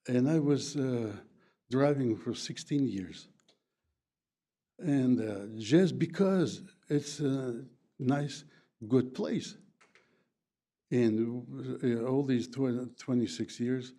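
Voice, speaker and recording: An older man from the former USSR whose native tongue is Plattdeutsch gives public comment as a resident at a county board meeting. His English is halting, packed with fillers and broken grammar, delivered in a mid-range voice with a dark tone.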